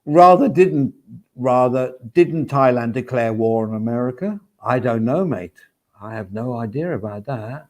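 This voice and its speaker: A man with a medium-pitched voice hosts a livestream, chatting casually and reading viewer comments aloud in an animated, unhurried way.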